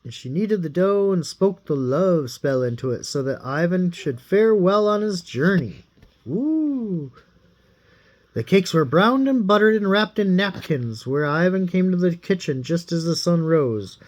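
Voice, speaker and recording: A man reading a fairy tale aloud in a playful, animated way. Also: sits high, unhurried. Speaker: storyteller.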